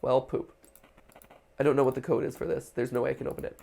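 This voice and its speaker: Brief: male game-stream host, chatty, thinks out loud, mid pitch, gravelly. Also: level tone, fast talker. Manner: chatty, joking, thinking aloud. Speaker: host playing a video game. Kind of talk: casual let's-play commentary.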